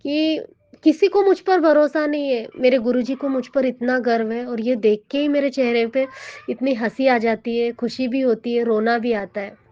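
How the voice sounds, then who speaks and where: A woman's voice: fairly high pitch, normal speed. A woman giving an earnest, emotional personal devotional testimony, often addressing her listeners directly. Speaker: devotee sharing her experience. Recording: dull, dry lo-fi audio.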